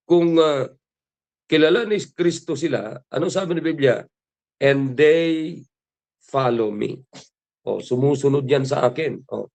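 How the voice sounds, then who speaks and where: A man's voice: medium pitch, creaky, a little mellow. A man with a Filipino accent preaching a morning devotion sermon, who asks his listeners question after question and quotes scripture in English. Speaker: pastor.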